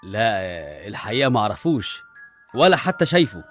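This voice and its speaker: A man's voice: mid-range voice, lively intonation, a little fast, a bit bright, soft background music, lightly acted. An Egyptian-accented actor playing an ambitious, scheming male doctor. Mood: plotting.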